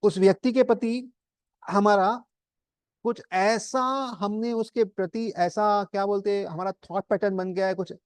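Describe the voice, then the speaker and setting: A man's voice: high voice, steady tone, measured pace, darkish tone, clear, resonant tone, dry recording. A man giving a conversational devotional talk to a small group, telling stories and mixing in English terms. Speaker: spiritual teacher.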